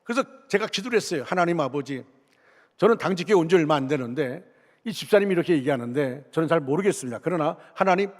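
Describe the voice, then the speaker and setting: Middle-aged pastor guy preaching in a church, slightly high voice, long echo off the hall, acts out the dialogue. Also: animated, quick pace. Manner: storytelling, acting out quoted dialogue, rising to forceful emphasis. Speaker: senior pastor. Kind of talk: sermon. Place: church sanctuary.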